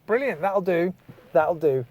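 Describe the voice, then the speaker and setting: A man's voice: high voice, expressive, measured pace, a little mellow. A man instructing a learner inside a car, giving casual directions and checking understanding. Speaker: driving instructor. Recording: noisy in-car recording.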